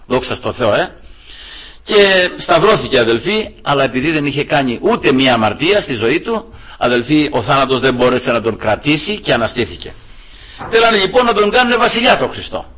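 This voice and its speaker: A man's voice: fairly high pitch, a bit bright, husky. A male preacher delivering an emphatic sermon, often turning to address the brethren directly.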